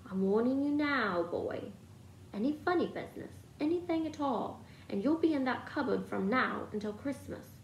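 A woman reading as a gruff, blustering uncle. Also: sits high, animated, moderate pace, echoey room, recorded from a distance, a little hiss or hum, voice pushed up, poor audio. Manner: gruff and threatening. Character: blustering bossy man, a stern uncle.

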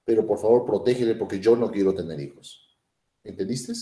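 A strutting, domineering little male pinworm, as a man puts him on, full of himself and bossing his mate. His voice is mellow and dark, bouncing around an echoey room. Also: on the low side, a little fast, close to an everyday voice. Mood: smug. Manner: boastful, domineering, smug. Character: small bossy macho male pinworm.

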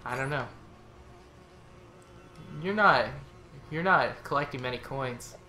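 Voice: medium pitch, animated, takes it slowly, bright, forceful tone. A player in a casual co-op gaming chat, directing the partner and explaining the game. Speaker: co-op game player and channel host. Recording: echoey room with faint noise.

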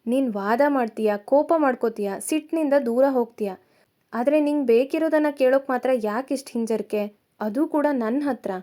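A woman voicing a young man who is a gentle, teasing fiancé in a storybook tale, speaking quickly and softly. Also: high-pitched, lightly acted. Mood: tender teasing.

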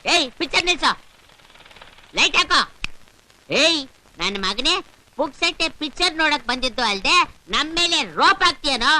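Brief: a shouty toady of a sidekick, high voice, noisy track. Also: male voice, normal speed, pauses often, full character voice. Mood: bossy. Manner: shouty and scolding, flattering to his boss. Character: fawning village sidekick, bossy with the crowd. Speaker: the headman's sidekick. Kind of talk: Kannada film dialogue.

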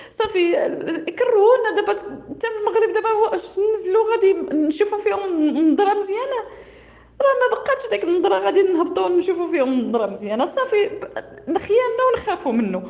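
A woman's voice: sits high, darkish tone. A Moroccan woman calling in over a landline phone, tearful and pleading, who repeats her phrases and breaks off her words. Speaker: caller. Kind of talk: emotional call-in complaint. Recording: dull lo-fi phone line.

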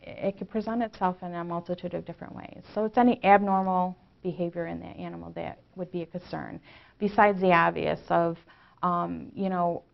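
A woman's voice: lowish voice, fairly even intonation, fairly quick, creaky, muffled recording. A middle-aged woman in her forties answering interview questions off the cuff as a local official, in a small office.

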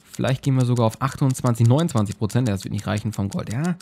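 A man talks his way through a game, chatty and rambling, echoing the same words over and over as he browses. His pitch jumps around a lot and stays lively. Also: racing. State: yawning, just woke up. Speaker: let's play host. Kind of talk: casual gameplay commentary.

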